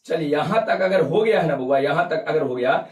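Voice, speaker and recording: High-voiced teacher quizzing a class. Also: male voice, lively intonation, moderate pace, a little mellow. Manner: questioning, repeats terms for students to echo. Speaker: physics teacher. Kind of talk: classroom lecture with call-and-response. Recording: echoey room, mic far off.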